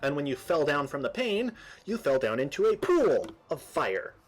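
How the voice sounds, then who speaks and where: A man's voice: on the high side, very animated, moderate pace. A man chatting casually while streaming a game, rambling through trivia and explanations with frequent restarts. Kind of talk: casual gameplay chat.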